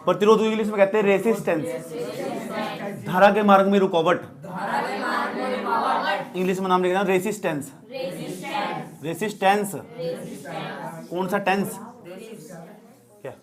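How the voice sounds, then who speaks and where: A man's voice: high-pitched, steady tone, unhurried, long pauses, a crowd in the background. A young man teaching a classroom physics lesson, joking and teasing his students as he explains. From India. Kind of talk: classroom lecture.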